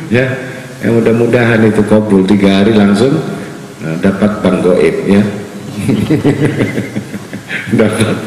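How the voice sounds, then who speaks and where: Preacher man, humorous, slips into high pleading voices; echoey hall recording. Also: slow pace, long pauses, darkish tone. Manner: humorous, acts out crying worshippers in high voices. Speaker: religious teacher. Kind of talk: Quran commentary sermon. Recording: echoey hall, faint noise.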